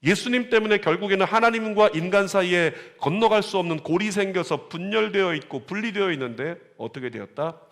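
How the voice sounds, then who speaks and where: A man preaching a Sunday sermon as pastor, animated and calling on the congregation to repeat lines and read along. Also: fairly high pitch. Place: church sanctuary. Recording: church sanctuary with long reverb.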